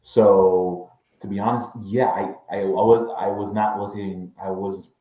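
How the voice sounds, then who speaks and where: A podcast co-host reviewing a series chats casually in a lowish, fairly even voice, a little slowly, rambling with lots of fillers and restarts. His main mic failed, so he's on a backup mic that gives a dull, lo-fi, echoey room sound.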